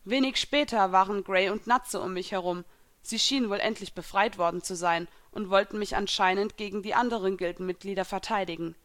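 A woman reads a first-person fantasy story aloud, narrating in a steady, even way. Her voice is a plain, mid-pitched one, carrying the tale from line to line. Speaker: reader.

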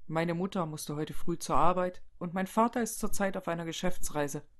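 A reader plays a gentle teenage boy worn out by fever, his voice hoarse and weak. He speaks quietly and wearily, at a middle pitch. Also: normal speed, lightly acted. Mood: weary.

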